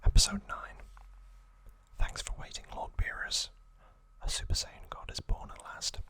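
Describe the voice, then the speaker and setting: An ASMR host, a man, whispers a recap of trivia in a hushed, breathy voice, using short phrases broken up by pauses.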